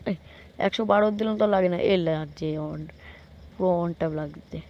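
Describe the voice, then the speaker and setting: Excitable man narrating his gameplay. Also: high voice, a little slow, highs cut off. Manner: excitable, urging himself on with repeated short commands; self-mocking asides to viewers. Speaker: gameplay streamer. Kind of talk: live gameplay commentary.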